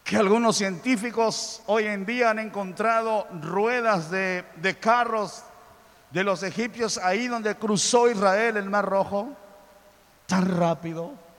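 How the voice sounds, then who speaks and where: A pastor preaching with passion, his high voice climbing into loud, fervent cries. A long reverb of a big hall follows every phrase. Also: takes it slowly. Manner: impassioned, building to loud exclamations. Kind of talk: sermon.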